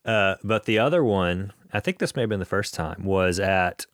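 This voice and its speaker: A man's voice: low voice, normal speed, a bit bright, a little hiss or hum. A man hosting an interview podcast, chatting casually and recalling concerts like a fan. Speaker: podcast host.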